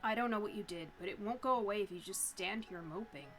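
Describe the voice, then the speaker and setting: A woman's voice: mid-range voice, fast, a bit bright, faint music behind, close to an everyday voice. Woman reading a young heroine who is firm and encouraging, read plainly in a visual novel playthrough. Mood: urging.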